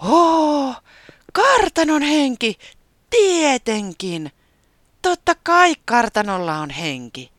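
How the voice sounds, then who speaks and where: A storyteller voicing an excitable festive bird who gets eager and stammers when startled. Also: mid-range voice, no echo, studio quality, voice pushed up.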